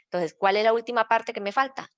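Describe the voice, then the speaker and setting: A woman's voice: a little high, fairly quick, a bit bright, dry recording. A woman from Rica, a librarian patiently explaining citation rules step by step in an online workshop. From Costa Rica. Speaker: librarian teaching citation style.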